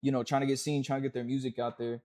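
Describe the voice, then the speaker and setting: A man from Fayetteville, North Carolina, a guest who organizes music cyphers, chatting casually in a relaxed, thankful way with frequent fillers. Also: medium pitch, rapid-fire. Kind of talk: casual interview chat.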